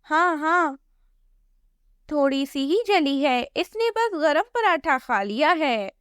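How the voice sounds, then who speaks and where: A woman's voice: high-pitched, expressive, slow, fairly bright tone, no echo, studio quality, voice pushed up, heavily acted. A woman voicing a fussy cartoon mother bird who scolds her son in a motherly way. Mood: pleading.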